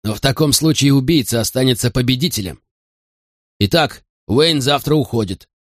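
A man's voice: mid-range voice, moderate pace, no room sound, studio quality, natural voice. A man voicing a worn-out, injured sergeant who asks anxious, weary questions. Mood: despairing.

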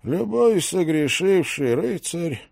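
A man reads a cold middle-aged king passing judgment, menacing and measured, his voice dark and low-toned, slow and deliberate with a lively rise and fall. The recording is close and dry, with no room sound around him. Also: gravelly, no room sound, full character voice. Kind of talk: audiobook character reading.

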